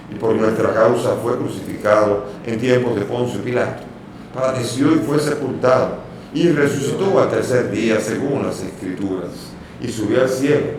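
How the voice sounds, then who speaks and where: A man's voice: medium pitch, a little mellow. A man speaking as a priest at Mass, solemnly declaiming prayers and preaching. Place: large reverberant church. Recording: echoing church, distant mic, faint noise.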